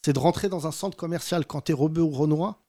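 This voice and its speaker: Guy hosting a chatty talk show, kinda high voice, acts out quotes. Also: fast talker. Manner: animated storytelling, acts out quotes. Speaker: host. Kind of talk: casual chat on a talk show.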